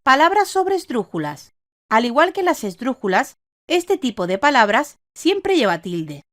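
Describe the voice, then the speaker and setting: A woman reading a scripted instructional lesson in a measured, didactic way, stressing each example word. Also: high voice, big pitch swings, fairly bright tone, no echo, studio quality. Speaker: online course narrator.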